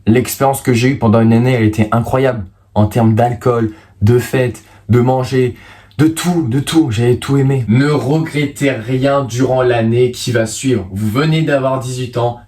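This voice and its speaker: A man's voice: medium pitch, mellow, roomy sound. A man of about nineteen from France with a lisp on his s and z sounds, chatting casually to viewers in a joking, self-mocking, slangy way. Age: around 19. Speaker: video creator. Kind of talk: casual vlog monologue to the viewer. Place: bedroom at home.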